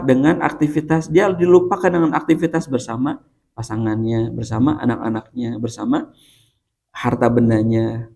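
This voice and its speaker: Sundanese-accented male preacher, raspy fry, warm dark voice, talks straight to the congregation. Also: medium pitch. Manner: chatty, laughs often, addresses listeners directly. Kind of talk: religious study talk.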